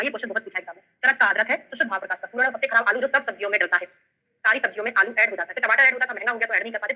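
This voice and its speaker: Speaking in a forceful, bright voice of fairly high pitch, a woman with a Bundelkhandi Hindi accent teaches an online Ayurveda lesson with memory tricks. She explains step by step and checks in with students, and the recording has its highs cut off.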